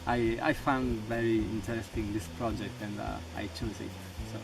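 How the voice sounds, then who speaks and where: Halting young Sicilian man, low and gravelly. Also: flat delivery. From Sicily, Italy. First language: Italian. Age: young adult. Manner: halting, many restarts and fillers. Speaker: volunteer. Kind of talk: interview answers. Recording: distant mic with loud music.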